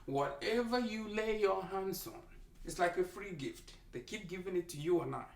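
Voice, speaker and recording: A doctor with a Nigerian accent delivers an emphatic, preachy health talk to camera, repeating key lines for effect. The voice is mid-range, gravelly, and expressive at a normal speed, recorded in an echoey room with the mic held at a distance.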